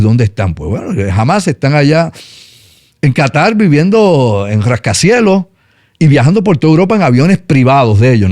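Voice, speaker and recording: A man's voice: mid-range voice, a little mellow, no room sound, clean studio sound. A middle-aged Puerto Rican man with a Puerto Rican accent, explaining world politics in a casual, emphatic talk-show style. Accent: Puerto Rican Spanish. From Puerto Rico. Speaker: news commentator.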